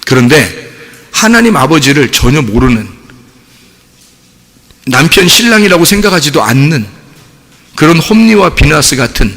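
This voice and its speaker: Male pastor, gravelly bright voice, chatty sermon with sudden shouts, church hall reverb. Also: a little high, big pitch swings, normal speed, long pauses. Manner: conversational preaching, acting out quoted voices, rising to shouts. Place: church sanctuary.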